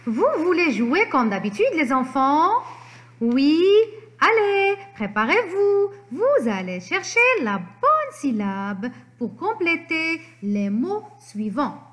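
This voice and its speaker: Slow, lively-voiced woman teaching kids. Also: high-pitched. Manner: slow, clearly spelled-out words and syllables; cheerful praise and prompts to children. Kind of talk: children's reading lesson.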